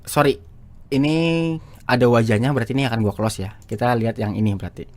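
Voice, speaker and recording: A YouTube public-speaking teacher with a mid-range, slightly mellow voice talks quickly through a casual screen-share lesson on speaking for short videos. He's chatty, says things more than once, and often uses fillers and restarts.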